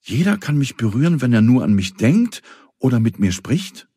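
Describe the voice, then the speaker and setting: Man voicing a gentle, longing old house. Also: mid-range voice, very animated, moderate pace, husky, dry recording, studio quality, voice pushed up. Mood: happy. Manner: soft, wistful.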